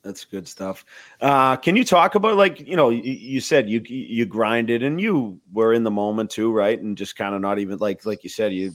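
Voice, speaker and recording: A man's voice: lowish voice, normal speed, no room sound. A man co-hosting a podcast, asking casual questions and often checking in with "right?". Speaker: podcast co-host.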